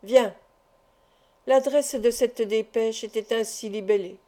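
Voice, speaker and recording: Woman audiobook narrator, warm mellow tone, slightly high, measured and expressive. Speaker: audiobook reader. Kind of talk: scripted novel narration.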